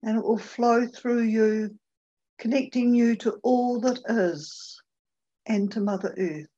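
Slow, gentle woman guiding a meditation. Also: fairly high pitch, lo-fi sound. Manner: gentle, unhurried guiding with long pauses. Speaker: meditation guide. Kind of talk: guided meditation.

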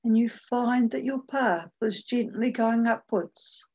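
Slow, gentle woman guiding a meditation. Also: fairly high pitch, husky, lo-fi sound. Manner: gentle, unhurried guiding with long pauses. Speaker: meditation guide. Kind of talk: guided meditation.

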